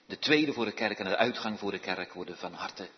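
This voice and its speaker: A man leading a church service, praying, reading scripture in a solemn, measured voice and giving announcements. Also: fairly low pitch, a little hiss or hum. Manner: solemn, measured reading in old-style Bible Dutch. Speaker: pastor. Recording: dull sound with long church reverb.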